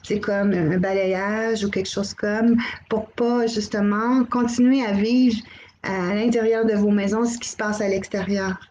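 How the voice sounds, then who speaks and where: A middle-aged woman with a Québécois accent, hosting a live channeling stream, gently relaying messages and greeting viewers by name. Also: mid-range voice, fairly even intonation, measured pace, a little hiss or hum, rough recording. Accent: Québécois French. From Quebec.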